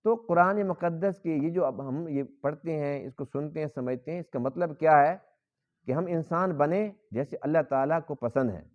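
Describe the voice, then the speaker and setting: A man's voice: a little high, a little mellow. A man with a Pakistani Urdu accent giving a Quran lesson in a mosque, earnestly explaining and asking rhetorical questions. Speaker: Quran teacher. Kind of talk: sermon. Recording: dull lo-fi recording.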